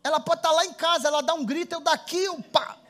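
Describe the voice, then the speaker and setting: A man preaching a sermon as pastor, telling stories with animated energy and calling on the congregation to answer. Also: extremely high pitch, fast. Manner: storytelling, animated, laughs often, calls congregation to respond. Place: church hall before a congregation. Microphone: handheld microphone.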